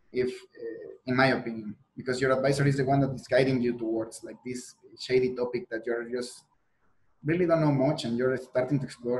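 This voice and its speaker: The recording is rough: a young adult man on a video call from an indoor room, his mid-range voice a little mellow. He's a PhD student and interview guest from Mexico, speaking with the Mexican Spanish accent of a native Spanish speaker. He answers earnestly, restarting often and using many fillers.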